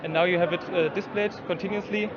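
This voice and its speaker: A man's voice: sits high, steady tone, fast, noisy background. A man answering an interview question at a trade show, hesitant and searching for words. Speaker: interviewed exhibitor. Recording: muffled audio with crowd behind.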